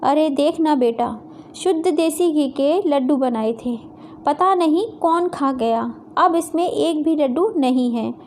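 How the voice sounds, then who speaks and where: Woman voicing a bossy mother-in-law, high voice, slow commanding speech, storybook reading. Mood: upset. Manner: scolding, commanding, calls out loudly. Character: bossy middle-aged mother-in-law of the house.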